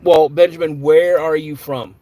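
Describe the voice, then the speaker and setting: A man's voice: on the high side, fairly even intonation, moderate pace, dark tone, dry recording. A man hosting a live stream in a casual, chatty way, greeting viewers by name and answering their comments.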